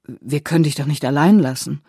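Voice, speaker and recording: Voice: medium pitch, fairly quick, mellow, husky, dry recording, studio quality. A narrator voicing a shy, bashful young woman who is a gifted soprano. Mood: worried. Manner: bashful, anxious.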